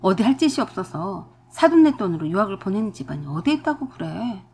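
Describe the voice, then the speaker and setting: A woman's voice: medium pitch, big pitch swings, brisk, a little mellow, breathy edge. A woman voicing a young husband who is curt and defensive toward his wife and mother, in a radio drama reading. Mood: exasperated.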